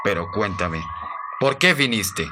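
A man voicing a calm, commanding male alien aboard a spaceship, speaking slowly and soothingly in a radio drama. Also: fairly low pitch, background noise. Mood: calm, coaxing. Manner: slow, soothing, authoritative. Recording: music playing underneath.

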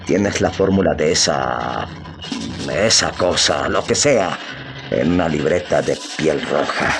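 A man's voice: a bass voice, animated, over music, heavily acted. An actor playing a menacing masked male intruder in an old radio drama, taunting and gloating with sneering laughs. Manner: slow, gloating, by turns soft and loud. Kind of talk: 1960s radio drama acting.

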